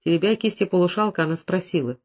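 Steady audiobook narrator on a muffled recording. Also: mid-range voice, quick pace. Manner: steady storytelling. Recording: dull lo-fi recording.

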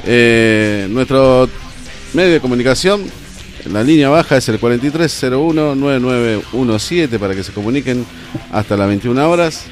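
A man's voice: medium pitch, animated, moderate pace, faint music behind. A man with a Rioplatense Spanish accent hosting a casual radio show from a studio, laying out the show's details with easy fillers.

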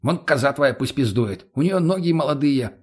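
A man's voice: mid-range voice, expressive, normal speed, darkish tone, close to an everyday voice. A man reading an audiobook, voicing a cocky, crude male junkie who sneers and swears. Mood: mouthy. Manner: sneering, foul-mouthed.

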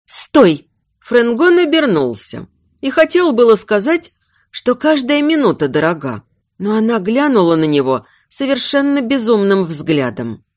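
A woman narrates a scripted audiobook with a lively, rising and falling voice. Her reading is measured and expressive, and the recording is dry and close with no room sound. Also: on the high side, dry recording.

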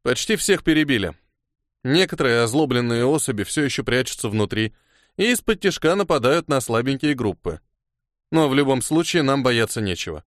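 A man voicing a calm, knowing young hero. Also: mid-range voice, fairly quick, dry recording, clean studio sound, lightly acted. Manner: calm, matter-of-fact.

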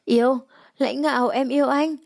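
A woman voicing a fierce, stubborn young heroine who snaps back with sharp, defiant retorts. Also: high-pitched, fairly even intonation, moderate pace, creaky, dry recording, clean studio sound, voice pushed up.

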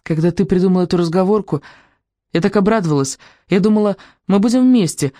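A shy, lonely schoolgirl speaks softly and haltingly, as a reader puts her on in a storybook reading. She sounds tearful and withdrawn. The recording is dry and close. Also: medium pitch, dry recording. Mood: timid. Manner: hushed, halting. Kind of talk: audiobook character reading.

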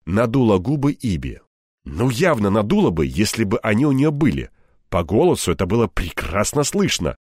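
A man reads a first-person audiobook in a low voice with lively, wide-ranging intonation. His delivery is wry, turning grumbly in the hero's lines. The recording is dry and close. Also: moderate pace, no room sound. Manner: wry, grumbling when in character. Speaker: audiobook narrator.

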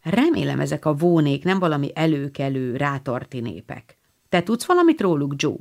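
A woman's voice: deep voice, big pitch swings, vocal fry, darkish tone, heavily acted. A woman voicing a fashion-minded older teenage sister in a fretful, prim manner.

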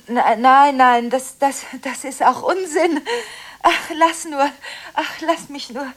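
In a radio drama, an actress plays a flustered, jumpy woman who stammers on phone calls and lurches from whispers to abrupt loud outbursts. Her voice sits on the higher side at a measured pace, and the mood is agitated.

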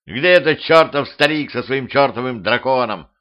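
A man doing a brisk commanding colonel. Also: mid-range voice, muffled recording, natural voice. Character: confident middle-aged male colonel.

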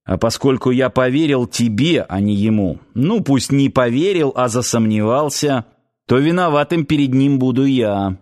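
A male narrator doing a gruff middle-aged garrison commander in an audiobook, blustering and volatile. He slides between weary grumbling and sudden yelling, in a middle-pitched male voice. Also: lively intonation, normal speed, natural voice. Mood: threatening. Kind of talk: audiobook character voice.

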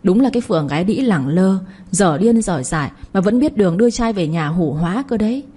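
A woman voicing a harsh, domineering older mother-in-law who shouts insults at her household. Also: mid-range voice, lively intonation, fairly quick, slightly rough. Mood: furious.

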